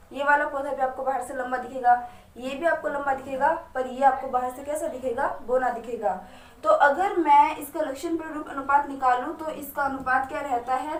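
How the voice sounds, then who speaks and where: A woman with a high voice teaches science at a board, asking herself question after question and answering each one, and she speaks directly to her students. Her voice rings around a reverberant room and reaches the mic from a distance, with a faint hiss underneath. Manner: asks herself questions and answers them step by step; talks straight to students. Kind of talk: whiteboard lesson.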